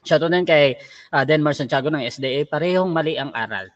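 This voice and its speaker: A man moderating an online debate, briskly addressing the audience as brethren and passing the floor to speakers. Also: fairly high pitch, dull audio.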